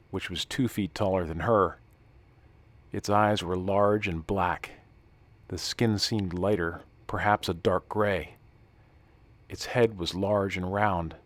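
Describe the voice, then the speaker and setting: Deep-voiced man narrating, dry sound. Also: no room sound. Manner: calm, steady reading with hushed dramatic passages. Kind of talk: scripted story narration.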